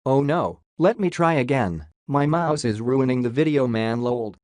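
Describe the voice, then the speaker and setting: A man's voice comes through a robot voice filter, sitting at a middling pitch. He talks casually over a screen share of price charts and drops jokes as he goes. The sound is dry and close, with no room around it. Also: expressive, a little slow, darkish tone, no room sound. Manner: jokey, says "lol" aloud. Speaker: crypto chart analyst.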